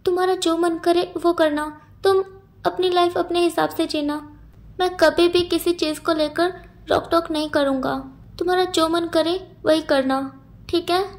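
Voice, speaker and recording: A lovesick young man in a storybook reading, tearful and earnest, pleading again and again, as a woman reads him aloud. The voice sits high and bright for a man. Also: steady tone, normal speed, lightly acted.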